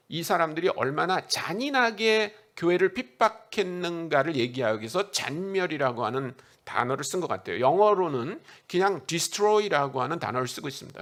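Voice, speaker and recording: A man's voice: on the high side, fairly bright tone. A middle-aged man, a missionary preacher, giving a conversational sermon in a church and putting questions to the congregation. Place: church sanctuary.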